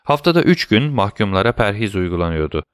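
Measured male audiobook narrator. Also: fairly low pitch, very animated, clear, resonant tone, no room sound, studio quality. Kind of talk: scripted narration of a classic novel.

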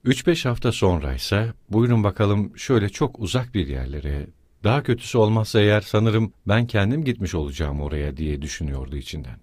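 Husky man reading a novel aloud. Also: lowish voice, lively intonation, fairly quick, a little mellow, dry recording, clean studio sound. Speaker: audiobook narrator. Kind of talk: literary audiobook reading.

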